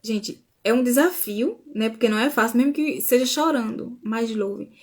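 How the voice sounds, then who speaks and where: A woman's voice: fairly high pitch, normal speed. A woman from Brazil, sharing a faith testimony in a casual live stream and often saying "né?". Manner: informal, with frequent restarts and "né?".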